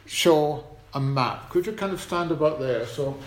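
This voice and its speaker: Male preacher, higher voice, friendly quiz-style children's talk, recorded in an echoey church hall. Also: measured pace. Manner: chatty, asks the congregation questions.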